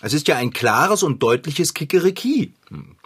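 A cheerful cartoon bike mechanic. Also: male voice, fairly high pitch, sing-song, normal speed, background noise. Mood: easygoing. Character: friendly young bicycle mechanic. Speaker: bicycle mechanic.

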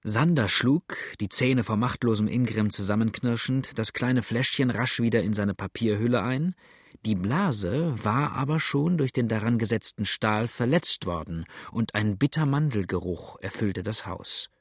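A man narrating an audiobook in a steady, measured reading style. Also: on the low side, breathy edge, no echo, clean studio sound.

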